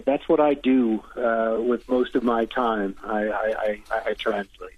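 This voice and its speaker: A man answering radio interview questions as a literary translator, halting with many hesitations and restarts. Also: on the low side, flat delivery, husky, no room sound. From United States. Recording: tinny phone line, dry.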